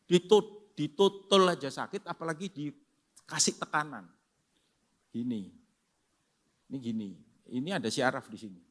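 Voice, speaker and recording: A male pastor preaching a sermon in a church, telling stories in an animated way and often turning to the congregation. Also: on the high side, a little slow, pauses often. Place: church sanctuary.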